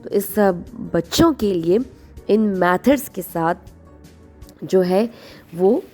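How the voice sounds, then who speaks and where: Slow, deliberate woman teaching kids. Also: mid-range voice, expressive, warm tone, faint music behind. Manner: drawn-out, clapped syllables, mixing Hindi and English. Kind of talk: children's phonics lesson.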